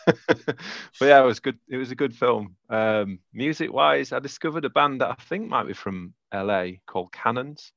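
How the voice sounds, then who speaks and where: A man's voice: medium pitch, expressive, normal speed, vocal fry, fairly bright tone, no room sound, highs cut off. A man with a Yorkshire accent chatting casually as a podcast co-host, rambling through his picks with many fillers and bursts of laughter. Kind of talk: casual chat.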